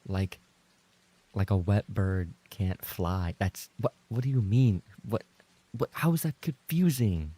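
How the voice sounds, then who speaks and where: A livestream host who does roleplay voice acting chats casually in a lowish, gravelly, creaky voice, slow-paced and warm. He reads out viewer messages and reacts with playful mock indignation, cursing and repeating himself when flustered.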